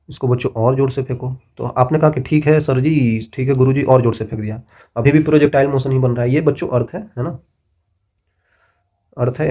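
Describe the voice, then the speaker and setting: Warm and mid-range, this middle-aged man's voice carries a physics lesson in a classroom lecture. He relies on everyday examples and keeps checking in repeatedly as he explains.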